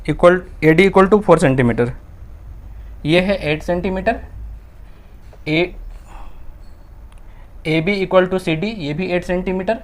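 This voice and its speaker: A man's voice: high-pitched, takes it slowly, pauses often. A young man with an Indian accent, a maths teacher working through textbook exercises step by step, mixing Hindi with English and asking and answering his own questions.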